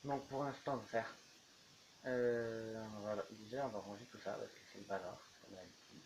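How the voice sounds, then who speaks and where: A man's voice: on the low side, steady tone, moderate pace, a little mellow, a little hiss or hum, poor audio. A man chatting casually while building in a game, rambling on as he goes. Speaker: YouTuber. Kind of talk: casual gameplay commentary.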